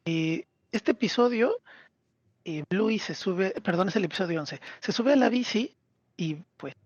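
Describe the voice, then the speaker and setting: A man with a Mexican Spanish accent talking casually on a podcast, retelling scenes with lively acted-out quotes. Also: high-pitched, unhurried, dry recording, muffled recording. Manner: animated storyteller, acts out character quotes. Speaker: podcast co-host.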